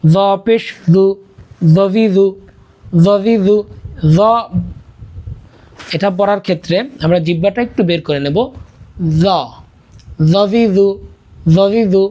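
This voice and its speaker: A teacher leading a Quran reading lesson, chanting letter and vowel drills in a steady rhythm and then briefly explaining how to say them. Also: medium pitch, a little slow, long pauses. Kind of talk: slow drilled recitation lesson.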